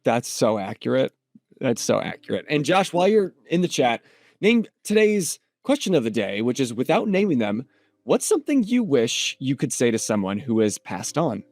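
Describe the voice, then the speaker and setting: A man's voice: mid-range voice, big pitch swings, moderate pace, darkish tone, dry recording. A man hosting a podcast in casual chat, chatty and upbeat as he hypes up a guest. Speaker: podcast host.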